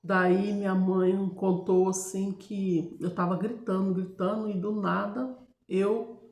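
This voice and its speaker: A woman's voice: mid-range voice, steady tone, slow, a little mellow, roomy sound. A woman with a Brazilian Portuguese accent telling a personal testimony in a chatty, hesitant way, often checking in with her listeners. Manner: chatty, keeps addressing listeners with tag questions; hesitant, restarts and searches for words. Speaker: storyteller sharing a personal testimony. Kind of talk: casual spoken testimony.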